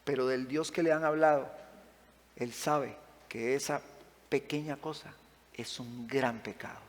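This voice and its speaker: A man preaching a sermon as pastor, passionate, rising to loud emphatic peaks and sinking to quiet pleading. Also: medium pitch, fairly even intonation, unhurried. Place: church sanctuary. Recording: long church-hall reverb.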